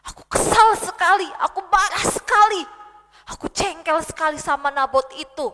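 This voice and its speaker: A sulking king grumbles and whines in a raised, bright, sharp voice, as a woman acts him out. He speaks slowly, and the voice rings with a long hall echo. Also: sits high. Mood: petulant. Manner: whiny, petulant complaining. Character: sulking angry male king.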